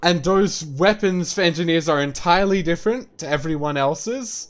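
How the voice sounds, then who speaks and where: A man's voice: fairly high pitch, normal speed. A man casually explaining a game while playing it, rambling and swearing as he talks. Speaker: game streamer. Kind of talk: gameplay commentary.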